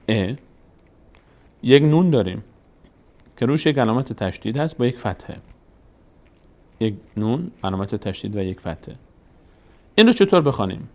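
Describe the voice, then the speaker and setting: A man's voice: mid-range voice, a little mellow. A man with a Tajik Persian accent teaching Quranic reading signs step by step, patient and explanatory, often asking and answering his own questions.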